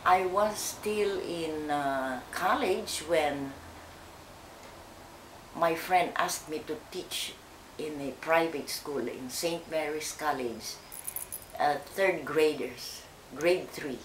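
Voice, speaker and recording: An older woman speaks slowly and haltingly, pausing often and starting her sentences over. Her voice sits a little low. The room is echoey, with faint noise underneath. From Philippines. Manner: slow, hesitant, with many fillers and restarts. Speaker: interviewee. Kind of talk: oral history interview.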